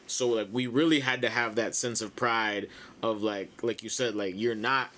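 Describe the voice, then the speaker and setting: A man's voice: fairly low pitch, fairly even intonation, moderate pace, bright, forceful tone. A man from the United States co-hosting a podcast in casual chat, thinking aloud and packing his sentences with "like". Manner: reflective, heavy use of "like" fillers. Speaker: podcast co-host.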